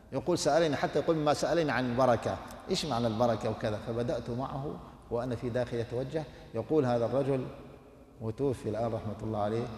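A man preaching a sermon, earnest, dropping to soft prayerful murmurs and rising to emphatic lines. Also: mid-range voice. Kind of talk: religious sermon. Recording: echoey hall.

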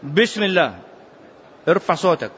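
A man teaching a religious class, quizzing his students with animated, mocking asides. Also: high-pitched, moderate pace, lo-fi sound, slight background noise. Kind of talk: classroom lesson.

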